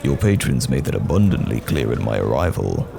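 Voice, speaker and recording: In an audio roleplay with background music, a man voices Rowan, a wandering armed knight who is courteous, guarded and wry. His extremely low voice is very animated, fairly quick and heavily acted, with vocal fry, and he picks old-fashioned words carefully.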